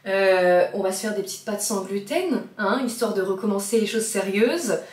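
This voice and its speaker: With a medium-pitched, darkish voice and a moderate pace, a woman vlogs casually from her home kitchen. She rambles in a frazzled, self-mocking manner and keeps turning to talk to her cat, and the space sounds echoey with faint background noise.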